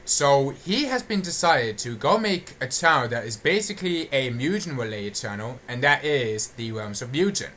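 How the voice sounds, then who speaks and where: A channel host gives an update in an unscripted, casual audio log, his bright, forceful, medium-pitched voice sounding animated. He speaks haltingly and repetitively, often circling back to restate phrases, and faint noise sits in the recording.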